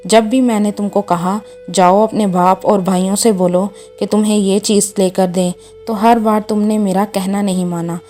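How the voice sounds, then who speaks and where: A woman's voice: mid-range voice, fairly even intonation, few pauses, dark tone, faint music behind, natural voice. A woman voicing a harsh older mother-in-law who scolds and belittles her daughter-in-law. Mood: scolding. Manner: scolding, contemptuous.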